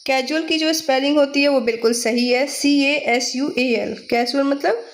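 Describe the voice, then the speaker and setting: Talking fairly quickly in a high voice, a woman with an Indian accent gives an exam-focused vocabulary lesson. She spells English words letter by letter and checks with "theek hai."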